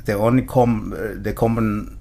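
A man from Zimbabwe, a guest artist in a podcast interview, explaining things in a measured, halting way. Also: on the low side, fairly even intonation, dark tone.

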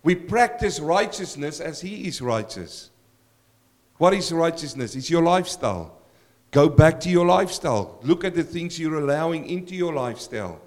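A male pastor delivers a sermon in a somewhat high, croaky voice. He speaks straight to his congregation, posing rhetorical questions and pressing them with direct appeals. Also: expressive, normal speed.

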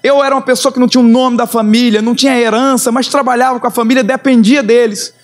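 A middle-aged man, preaching his conversion testimony with emotional storytelling that swings in pitch and slows for emphasis. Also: steady tone. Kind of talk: sermon testimony.

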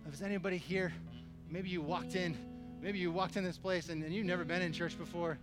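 A married man preaching an emotional sermon and praying, swinging from hushed talk to loud, impassioned cries. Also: sits high, steady tone, a little fast, over music. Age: adult, married. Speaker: pastor.

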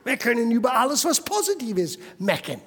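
High, lively-voiced male preacher in a hall. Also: a little fast. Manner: emphatic preaching, addresses listeners directly. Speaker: pastor. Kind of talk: sermon.

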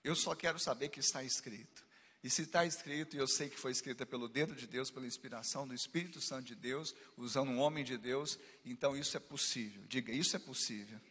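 A man's voice: mid-range voice, fast talker, pushed and bright, slightly rough. A middle-aged man with a Brazilian Portuguese accent, preaching a sermon as pastor with playful asides and rising exclamations. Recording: long hall reverb.

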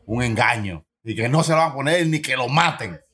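A man's voice: medium pitch, animated, fairly quick, pushed and bright, slightly rough. A man in a casual group conversation, telling stories and joking. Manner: storytelling, joking.

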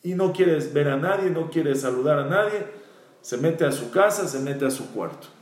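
Echoey rabbi telling a sermon story. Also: male voice, on the high side, moderate pace. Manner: storytelling, animated when quoting. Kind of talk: Torah lecture. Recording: echoey room, mic at a distance.

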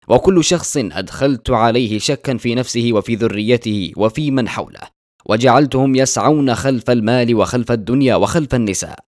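A man voicing a booming, mocking devil. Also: no echo, studio quality, close to an everyday voice. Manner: loud and booming. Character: mocking, menacing male devil tempter. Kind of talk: dramatic storytelling.

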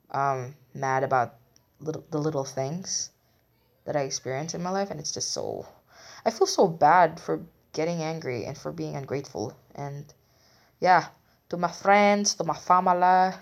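A woman's voice: sits low, creaky. A young woman hosting a solo podcast, talking in a candid, rambling, self-mocking way. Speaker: podcast host.

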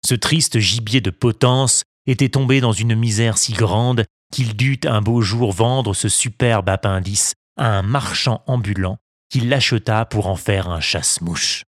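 A reader narrating a storybook in a calm, measured and expressive way. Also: medium pitch, no room sound, clean studio sound.

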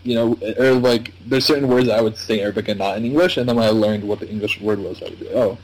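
A man with an American accent chatting casually as an interviewee, thinking aloud in a halting, informal way. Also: on the low side, poor audio. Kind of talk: casual chat.

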